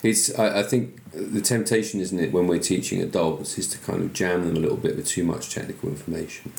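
A man hosting a podcast, chatting casually in a relaxed, rambling way with frequent restarts. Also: low-pitched, brisk, creaky, reverberant. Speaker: podcast host. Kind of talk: casual interview chat.

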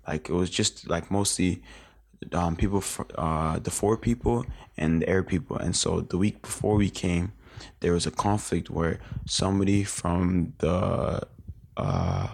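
A young man in his late teens speaks in a low, creaky voice as a guest in a casual interview. He rambles through his memories, with lots of filler words and restarts.

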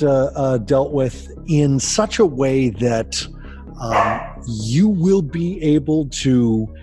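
An earnest man hosting a podcast, his voice sitting at an ordinary middle pitch. He leans into his points with emphasis and speaks directly to parents. Soft music plays faintly underneath. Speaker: podcast host. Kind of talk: podcast introduction and interview.

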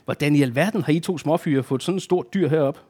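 A kindly, fussy grown man with a pipe and moustache, read aloud by a man. He talks in a flustered, well-meaning way, his pitch sitting a touch high. The scene comes from a children's storybook. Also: husky. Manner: warm-hearted, flustered.

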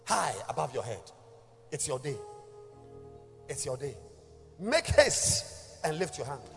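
A man preaching as a pastor in a booming motivational style, urgent and emphatic, calling out in short repeated exhortations. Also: animated, normal speed, vocal fry, a bit bright. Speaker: pastor giving an altar call. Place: large hall, speaking to a congregation. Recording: long hall reverb with music underneath.

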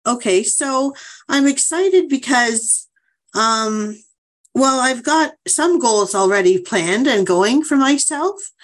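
A woman's voice: fairly high pitch, lively intonation, slow. A woman client on a group coaching call, sharing casually and hesitantly as she thinks aloud.

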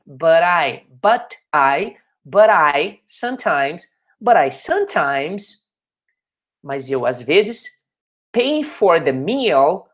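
A woman teaching English in Portuguese, repeating English phrases slowly and then explaining them quickly. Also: lowish voice. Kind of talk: bilingual language lesson.

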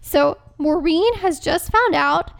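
A woman's voice: very high-pitched, slow pace, gravelly. A woman co-hosting a podcast, casually recapping a TV episode in a chatty way with lots of ums and small laughs. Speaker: podcast co-host.

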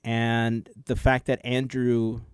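Taking it slowly and with completely flat delivery, a podcast co-host earnestly walks through his gaming experience at length in a casual chat. This gameplay video creator has a clean, mid-range voice captured in a dry recording.

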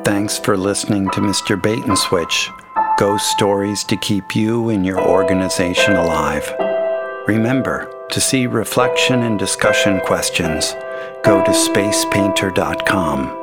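A man's voice: fairly low pitch, measured pace. A man hosting a podcast, giving a plainly read, scripted sign-off. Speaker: podcast host. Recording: voice over loud guitar music. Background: loud plucked guitar music.

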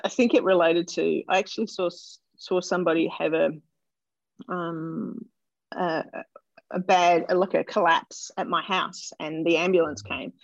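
A doctor from Melbourne, Australia, answers casual interview questions as a guest in a gravelly, lowish voice, slow and thoughtful, with many fillers and restarts as she hesitates over her words. Her dull, lo-fi remote line sounds dry and close, with no echo.

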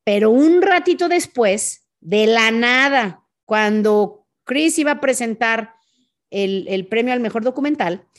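A woman's voice: on the high side, lively intonation, a little slow. A woman with a Mexican Spanish accent hosting a podcast, telling a story in a casual monologue. She acts out sound effects and adds chatty asides as she goes. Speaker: podcast host.

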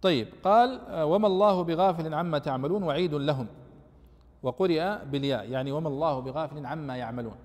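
A man's voice: fairly high pitch, fast, a little mellow, big-room sound. A man teaching a lesson on Quran commentary, explaining the text and raising his voice with emphasis on quoted verses.

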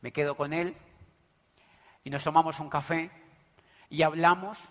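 A man with a Colombian accent giving an animated motivational talk, telling stories and acting out the dialogue. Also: on the high side, measured pace. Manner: animated, tells stories acting out dialogue, keeps asking "do you understand me". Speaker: business motivational speaker. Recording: echoey hall reverb.

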